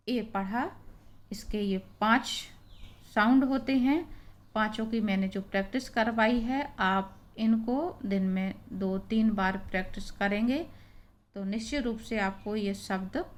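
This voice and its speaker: A woman teaching a slow English phonics lesson, spelling words letter by letter and stressing the right pronunciation. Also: on the high side. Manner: spells out words letter by letter, then pronounces them; patient, stresses the correct pronunciation.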